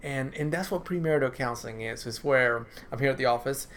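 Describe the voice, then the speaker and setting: This man is a counselor giving an informal talk to camera from his office, his medium-pitched voice fairly bright and a little fast. He repeats phrases, asks "right?" a lot, and clears his dry throat, with a little hiss or hum on the recording.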